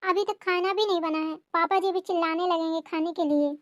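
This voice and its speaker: A woman's voice: extremely high pitch, fairly even intonation, fairly quick, heavy background noise. A woman voicing a weary young mother and daughter-in-law who pleads and explains in a cartoon family drama. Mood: pleading.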